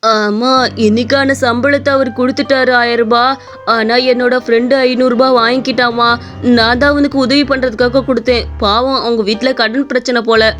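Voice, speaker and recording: A woman voicing a generous, kind-hearted young man in an animated story, speaking gently and earnestly. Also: fairly high pitch, normal speed, faint music behind, natural voice.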